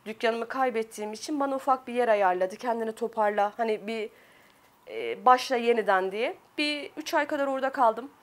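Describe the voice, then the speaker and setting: Earnest Turkish businesswoman, fairly high voice. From Turkey. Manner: earnest, reflective, pausing with fillers. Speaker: business owner. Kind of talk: news interview testimony.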